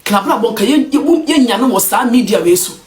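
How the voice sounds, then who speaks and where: High-pitched Ghanaian woman commentator, very animated, emphatic English-Twi rant. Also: quick pace, a little hiss or hum. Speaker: online commentator. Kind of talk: passionate opinion rant.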